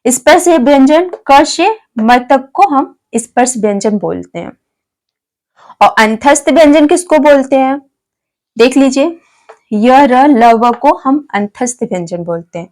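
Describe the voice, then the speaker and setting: A woman's voice: sits high, darkish tone. A woman teaching grammar to her viewers, asking questions and answering them herself and spelling letters out one by one. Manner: addresses viewers as friends, asks and answers own questions.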